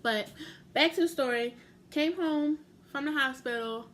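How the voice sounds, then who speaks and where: A woman's voice: high-pitched, measured pace, a bit bright, slight background noise. A young woman telling a personal story to camera in a chatty, rambling way, full of "like" and self-corrections. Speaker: vlogger.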